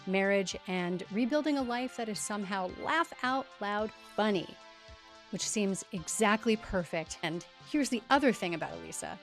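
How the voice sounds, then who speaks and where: A middle-aged woman hosting a podcast, reading a scripted introduction in an emphatic, conversational way. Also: medium pitch. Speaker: podcast host.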